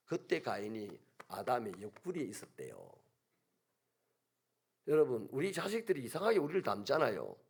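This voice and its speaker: A pastor with a Gyeongsang accent preaches with animated storytelling, and his voice swings widely up and down. The tone is gravelly and a bit husky, and it sits somewhat high for a man. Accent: Gyeongsang Korean. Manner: animated storytelling, acting out scenes. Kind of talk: sermon. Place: church sanctuary.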